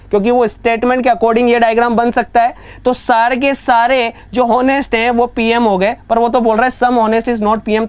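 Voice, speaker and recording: A man teaching an online reasoning class, often asking whether students have understood and reading statements out slowly. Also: very high-pitched, smooth, no room sound. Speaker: exam coaching teacher.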